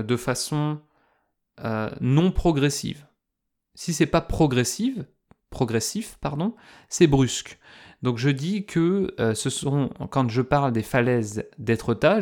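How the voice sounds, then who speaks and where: A man teaching French vocabulary to learners, slowly and patiently explaining words with lots of repetition and speaking informally to the listener. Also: fairly high pitch, a little mellow. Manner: addresses listener informally, fillers.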